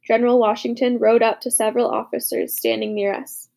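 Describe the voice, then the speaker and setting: A woman narrating a war story as a young soldier, with dramatic, hushed, urgent delivery in the dialogue. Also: a little high, level tone, a little fast, vocal fry. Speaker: narrator voicing a boy soldier. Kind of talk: audiobook narration.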